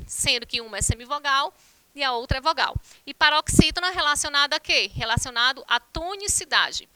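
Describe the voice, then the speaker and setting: Woman teacher from Brazil, high voice, explaining grammar step by step, dry close sound. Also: sharp tone, dry recording. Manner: explains step by step, addresses students as class. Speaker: Portuguese teacher. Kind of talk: online grammar lesson.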